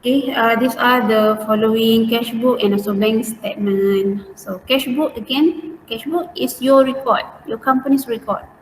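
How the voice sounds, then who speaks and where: This accounting teacher, a Malaysian-accented woman, runs a relaxed online class indoors, talking through each worked step in colloquial English with "lah" and "eh" sprinkled in. She has a fairly high pitch, normal speed and few pauses, picked up by a distant mic in a roomy space with faint noise.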